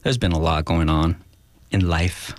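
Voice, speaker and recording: Low-pitched and steady in tone, this young man from Los Angeles, USA, is a guest musician chatting in a radio studio. His speech is halting, packed with fillers and sprinkled with Spanish words, and there's no room sound.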